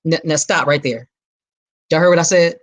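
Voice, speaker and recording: A woman hosts her own podcast, delivering an impassioned, preacher-like monologue and repeating phrases for emphasis. Her voice is low-pitched and her pace is normal.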